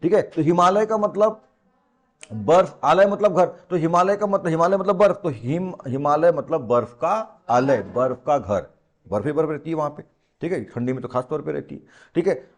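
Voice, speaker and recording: High-voiced coaching teacher. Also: male voice, animated, normal speed. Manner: colloquial and teasing, repeats key words, asks students rhetorical questions. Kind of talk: classroom lecture.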